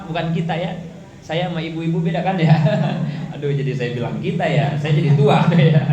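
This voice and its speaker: Male preacher, slightly high and mellow voice, casual joking sermon style, echoey hall sound. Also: dull audio. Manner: chatty, joking, asks and answers his own questions. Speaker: ustadz preaching to women's study group.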